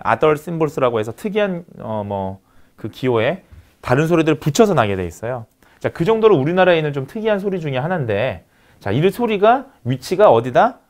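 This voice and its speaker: A man giving a recorded university lecture, explaining step by step and repeating key terms. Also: on the high side.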